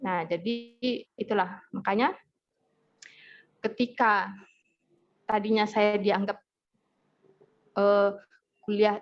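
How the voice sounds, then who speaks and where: Woman, parenting talk, lively storytelling, dull lo-fi sound. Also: mid-range voice, slow, pauses often. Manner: chatty, storytelling, acts out family dialogue. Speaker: hypnotherapist speaker. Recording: dull lo-fi audio with faint noise.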